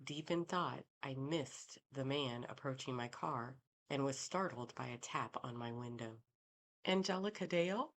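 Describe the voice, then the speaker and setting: A woman narrating a first-person mystery audiobook in a calm, even storytelling manner. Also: extremely low pitch, a little slow, hardly any pauses, slight background noise.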